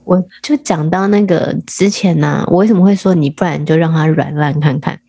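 A woman's voice: low voice, brisk, mellow, slightly rough. A woman, telling a long story as a podcast guest in casual chat, often restarting her sentences.

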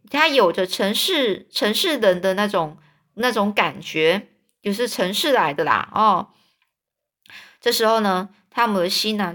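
Bright-voiced woman retelling a story. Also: medium pitch. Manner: relaxed, loose retelling with fillers and repeats. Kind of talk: casual spoken storybook retelling.

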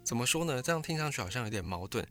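A man's voice: medium pitch, very animated, rapid-fire, pushed and bright, soft background music. A man, hosting a history channel and explaining the story behind a classic novel. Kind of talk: scripted history talk.

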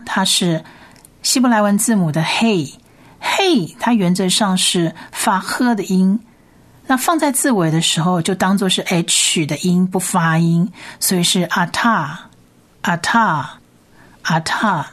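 A woman teaching a recorded language lesson in a patient way, repeating each sound slowly and carefully. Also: medium pitch, lively intonation. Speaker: Hebrew teacher.

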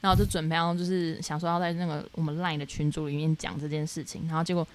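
A young woman from Taiwan, co-hosting a podcast, telling her dreams in animated casual chat full of fillers. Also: deep voice, fast talker. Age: young adult. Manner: animated storytelling with many fillers. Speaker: podcast co-host.

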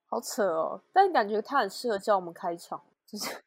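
A woman's voice: medium pitch, expressive, fairly quick, husky, no room sound, studio quality. A woman co-hosting a casual podcast chat, asking curious follow-up questions and laughing easily. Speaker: podcast co-host.

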